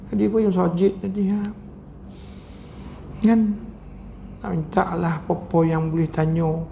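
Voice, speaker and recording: A man with a Malaysian accent giving a lively mosque lecture as a religious teacher, joking and acting out voices. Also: high voice, unhurried, vocal fry, slight background noise. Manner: animated, jokey, acts out voices.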